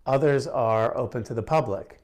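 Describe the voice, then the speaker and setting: Speaking at a normal speed with a medium-pitched, darkish voice, this middle-aged gemstone instructor runs an informal Q&A to camera. His manner is friendly and talkative, full of fillers and restarts.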